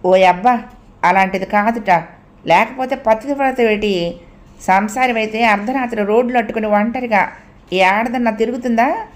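A woman voicing a lying male street thug in a Telugu audio novel, loud and accusing. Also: a little high, normal speed, close to an everyday voice. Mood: sneering.

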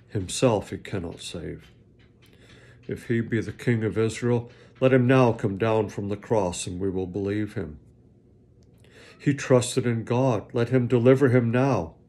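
A man reads scripture and talks through it in an earnest, conversational way. His voice sits low and mellow with a husky edge. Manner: earnest, plain-spoken, conversational. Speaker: Bible reading host. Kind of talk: scripture reading and devotional commentary.

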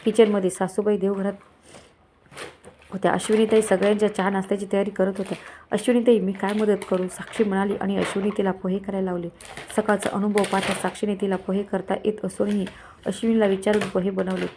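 Woman storyteller, even delivery, soft warm tone. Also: medium pitch, fast, a little hiss or hum. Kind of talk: scripted story narration.

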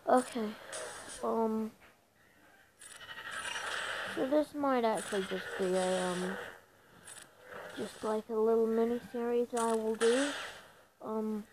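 A woman giving casual commentary over a mobile game, chatty and prone to mumbling with excitable reactions. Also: fairly high pitch, slow pace, long pauses, background noise. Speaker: gameplay video creator.

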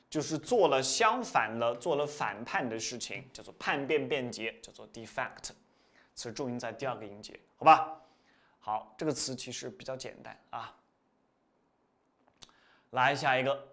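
A man teaching a vocabulary lesson in a lively, repetitive way. He pushes up in pitch and loudness to stress key points, then drops off quietly at the ends of phrases. His voice sits at an ordinary middle pitch. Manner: lively, repetitive explaining with rising emphasis and trailing-off endings.

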